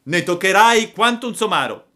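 A man's voice: medium pitch, animated, unhurried, sharp tone, pitched above the performer's own voice. A man voicing a gang of bullying schoolboys in a storybook reading, taunting and threatening.

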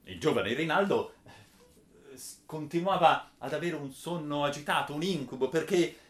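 A man telling a chivalric tale aloud with expressive delivery, dropping to a hush and then rising with emphasis. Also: a little high, normal speed. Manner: expressive, swings between hushed and emphatic. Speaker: storyteller. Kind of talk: dramatic storytelling of a chivalric tale. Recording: echoey room.

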